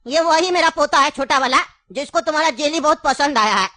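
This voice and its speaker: A woman's voice: high-pitched, fairly quick, pushed and bright, dry recording. A woman voicing an elderly grandfather in a cartoon, cunning and grieving, with an insistent, coaxing way of talking. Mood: needling. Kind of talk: cartoon voice acting.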